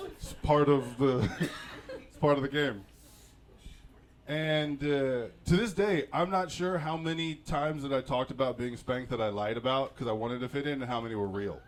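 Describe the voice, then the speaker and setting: A man's voice: medium pitch, normal speed. A man telling a reflective personal story in a casual monologue, laughing at himself often and often restarting his sentences. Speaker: podcast host.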